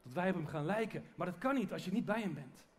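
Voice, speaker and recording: A man's voice: high voice, animated, fast. A man preaching a sermon to his church in an earnest, conversational way, often restarting his sentences. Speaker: pastor.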